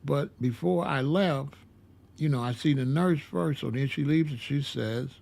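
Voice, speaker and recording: Rambling and repetitive, this sixty-something vlogger recounts something from his own life, with "uh" filling the gaps. He speaks at mid-range with vocal fry and a darkish tone.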